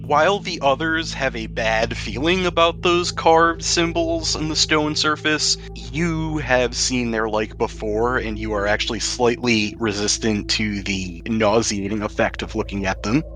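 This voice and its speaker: A game master runs a tabletop role-playing game, explaining rules and scenes in detail in a mid-range, slightly bright voice. He speaks unhurriedly with fairly even intonation and hardly any pauses, over faint background music.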